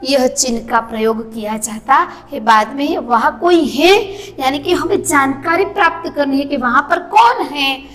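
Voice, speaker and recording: A woman teaching a grammar lesson to children, explaining slowly and restating each point. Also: high voice, fairly bright tone.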